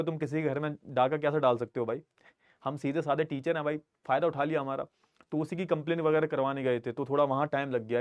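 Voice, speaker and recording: Chatty male online teacher, slightly high voice. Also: no echo. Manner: chatty, addresses students as "beta", keeps checking his audio. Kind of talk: casual live online class. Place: recording studio.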